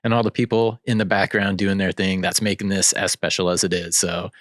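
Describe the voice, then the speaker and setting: A man's voice: sits low, little pitch movement, fairly quick, crowd noise. A man from Washington state chatting as a podcast guest, laid-back and given to repeating words. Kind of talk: casual chat.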